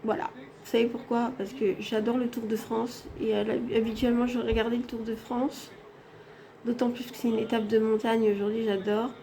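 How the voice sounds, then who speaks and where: A woman's voice: on the high side, flat delivery, moderate pace, warm tone, slight background noise. Chatty woman vlogging from a hospital room. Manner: chatty, addresses viewers directly. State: tired after anesthesia. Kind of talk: casual hospital vlog. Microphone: phone held in hand.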